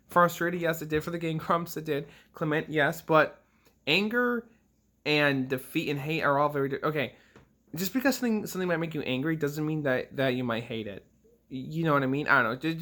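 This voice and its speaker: Worked-up young man with bright voice. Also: fairly high pitch. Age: 20s. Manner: rambling, emotional, swears often, frequent restarts and sighs. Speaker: gaming vlogger. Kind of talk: casual rant to camera.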